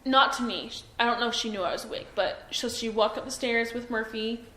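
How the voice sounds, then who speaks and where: A woman's voice: a little high, brisk, bright, forceful tone. A young woman being interviewed by police, hesitant and full of ums and self-doubt. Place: interview room. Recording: echoey room, faint noise.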